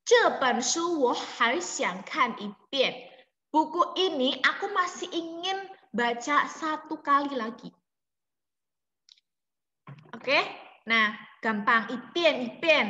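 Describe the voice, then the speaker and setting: Woman teacher on a video call, high bright voice, patient, repeats examples, roomy echo. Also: animated. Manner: explains slowly, repeats examples, checks understanding. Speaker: Mandarin teacher. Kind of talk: online class lesson. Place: home room on a video call. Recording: echoey room with long reverb.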